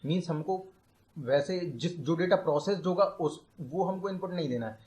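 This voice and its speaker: A young male tutor teaching computer science in a fairly high voice. He explains step by step and mixes English terms into his talk. When he gives definitions, he slows down and dictates them word by word. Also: a little mellow, low-quality recording. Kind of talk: explaining a lecture.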